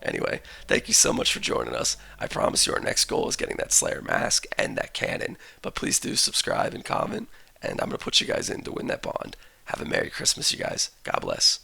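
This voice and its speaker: Hoarse young male game host, gravelly and raspy, bright and very animated delivery. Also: rumbling low, fairly quick. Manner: casual, chatty, jokey asides. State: hoarse, losing his voice. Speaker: gaming channel host. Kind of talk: game commentary voice-over.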